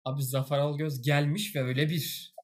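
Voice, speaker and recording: Man, podcast host, joking, casual chat, a bit high-pitched. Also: little pitch movement, a little fast. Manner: joking, playful, laughs often.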